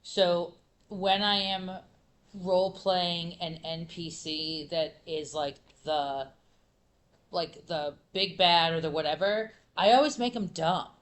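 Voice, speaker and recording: A woman middle school teacher speaking on a conference panel, animated and full of fillers and restarts. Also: lowish voice, takes it slowly.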